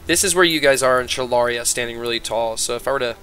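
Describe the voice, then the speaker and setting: Man, game master, bright tone, mid pitch, conversational narration, faint music behind. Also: quick pace. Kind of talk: casual tabletop game narration.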